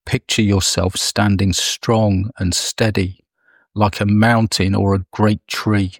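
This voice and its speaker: A man leading a guided meditation, speaking softly and soothingly with long pauses. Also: on the low side, level tone, dry recording, clean studio sound. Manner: slow, soft, soothing delivery with long pauses.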